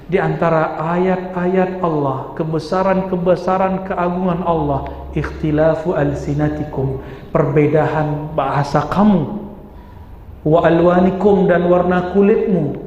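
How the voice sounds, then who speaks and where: A man preaches in a mosque with a lively, questioning manner, often turning to his listeners. His voice sits a little high for a man and rings through a large echoing hall. The sound is dull, with faint noise behind it. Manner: lively, asks the audience rhetorical questions. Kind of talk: sermon.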